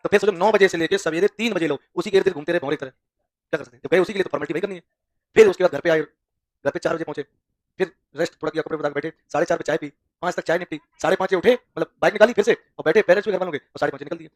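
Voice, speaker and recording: A man's voice: a little high, rapid-fire, no echo. A male maths teacher leading a classroom lesson, firing call-and-response questions at his students and teasing them with folksy humor.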